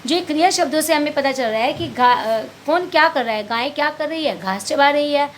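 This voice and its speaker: A woman's voice: sits high, expressive, fairly quick, slight background noise. A woman teacher explaining a Hindi workbook lesson to young pupils, patiently asking questions and answering them herself, calling them beta. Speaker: primary school teacher.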